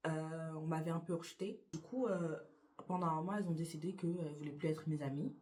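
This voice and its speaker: Soft background music plays as a young adult YouTuber chats through get-to-know-me questions in her bedroom next to a window. Her low-pitched voice is brisk and a little mellow, and she often hesitates, uses lots of fillers, and starts sentences over.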